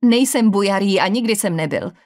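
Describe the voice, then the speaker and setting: A cheerful young male soldier who jokes and teases in light banter, read by a woman in an audiobook. He speaks in a Czech accent, a little higher than the narration around him. The voice stays easygoing and playful. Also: lively intonation, a little mellow, no room sound, clean studio sound, natural voice. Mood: teasing.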